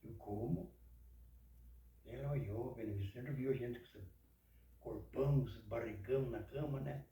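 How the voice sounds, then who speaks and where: An older man recounts his story in a relaxed, mellow voice, devout and folksy in his exclamations. He sounds distant from the mic, in a room with a lot of echo. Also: medium pitch, measured pace. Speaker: interviewee. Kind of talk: casual storytelling. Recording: echoey room from far off.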